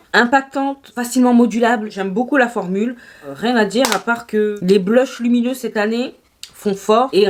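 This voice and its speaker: A woman with a French accent, chatting casually through a makeup review, animated and quick to laugh. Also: a little high. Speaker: beauty vlogger.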